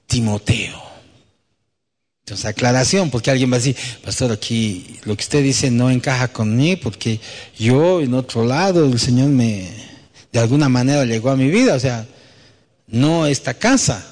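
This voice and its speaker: A man's voice: medium pitch, long reverb tail. A man preaching a sermon as pastor, telling a personal story and asking rhetorical questions with frequent "¿no?" tags.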